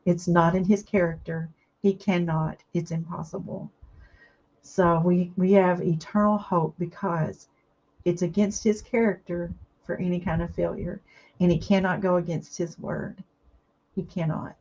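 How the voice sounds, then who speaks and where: A woman's voice: on the low side, fairly even intonation, a little slow, dull audio. Teary woman chatting on a craft livestream. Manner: warm, emotional, reads viewer comments aloud and answers them. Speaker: craft live-stream host. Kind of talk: casual live-stream chat with viewers.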